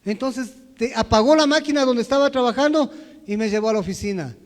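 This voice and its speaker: A man preaching a personal testimony, swinging from loud to hushed as he tells the story. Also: very high-pitched, a little fast, big-room sound. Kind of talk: sermon testimony. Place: church hall.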